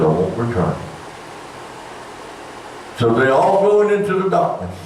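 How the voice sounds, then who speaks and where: A man's voice: medium pitch, darkish tone. An older man preaching a sermon in a folksy, conversational way that climbs into emphatic bursts. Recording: echoey church room from far off, faint room noise.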